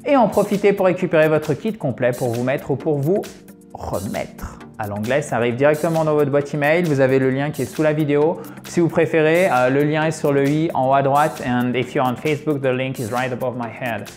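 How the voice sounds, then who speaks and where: A woman's voice: low voice, a little fast, darkish tone, soft background music. A woman hosting a video lesson, chatting directly to her viewers with the odd filler. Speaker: English teacher and channel host.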